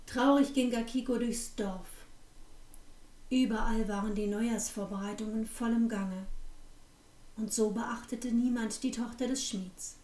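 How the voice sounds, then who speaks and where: A narrator reads a fairy tale aloud, her fairly high, mellow voice staying calm and even. The sound is echoey, and she seems slightly far from the microphone.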